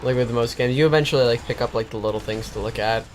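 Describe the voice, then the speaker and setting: A young man talks through gameplay in a loose, rambling way, full of restarts and filler. His pitch sits in the middle for a man, and a faint hiss runs under the recording. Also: fast. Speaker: co-host. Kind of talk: casual gaming chat.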